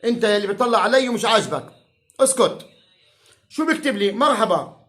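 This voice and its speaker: A man with a Palestinian Arabic accent rants to camera in a fierce, insulting, mocking way. His voice sits high for a man. It rings around an echoey room. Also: expressive, fairly quick, fairly bright tone, faint music behind. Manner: heated, insulting and profane, mocking. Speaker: self-styled political commentator. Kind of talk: angry rant to camera.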